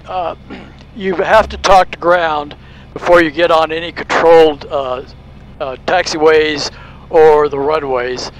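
Taking his time, a private pilot and video host narrates his flight casually and handles radio calls from a small aircraft cockpit. His voice sits on the high side, the recording is low quality, and engine noise runs steadily underneath.

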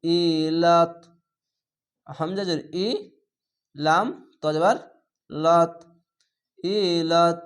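A man gives a Quran reading lesson in a smooth, clear voice that sits a little high. He spells each letter and vowel, then stretches the recited words out at an unhurried pace. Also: fairly even intonation.

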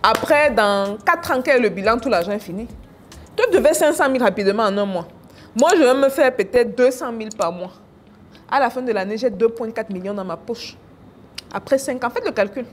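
A woman's voice: fairly high pitch, expressive, a little fast, a little hiss or hum. A woman business coach walking viewers through products on screen in a casual, teasing, exclamatory way. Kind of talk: casual screen-share teaching.

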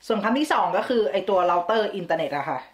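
A woman's voice: medium pitch, very animated, quick pace. A woman from Thailand hosting a vlog, explaining words in a chatty way with English words mixed in and giggly asides. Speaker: vlog host. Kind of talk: casual explainer chat.

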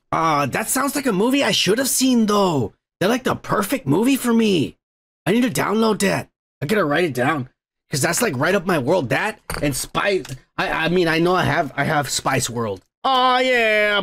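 A man's voice: sits high, creaky, a bit bright. A man hosting a show and reading viewer comments in a rambling, profane, casual way, his microphone heavily compressed. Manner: rambling, swears freely, frequent restarts. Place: home.

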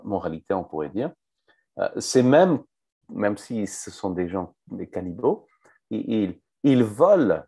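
A man's voice: deep voice, a little mellow. A man teaching a live online Bible study, explaining a passage and asking his viewers questions.

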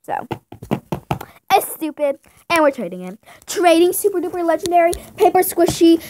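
A young female performer voicing a smug, bratty scammer girl in a toy role-play video, talking loud and showy. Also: extremely high pitch, big pitch swings, normal speed, slight background noise, voice pushed up.

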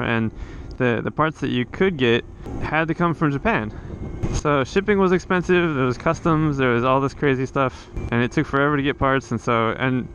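In this casual riding vlog, a man on a motorcycle heads down a coastal road, talking in a rambling way with plenty of fillers and restarts. His voice is mid-range and fairly bright. The helmet-camera audio has its highs cut off and slight background noise.

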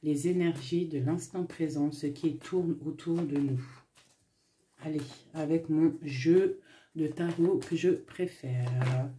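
Seated indoors at a table with tarot cards, a woman gives a casual reading to camera, chatty and full of fillers, with affectionate asides to her viewers. Her low-pitched voice has a dark tone and she takes it slowly. A little hiss or hum is audible.

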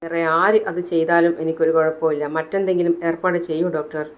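A woman's voice: fairly low pitch, little pitch movement, fast, natural voice. A narrator voicing an anguished middle-aged mother in a retold serial, pleading with a doctor. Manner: pleading, distraught.

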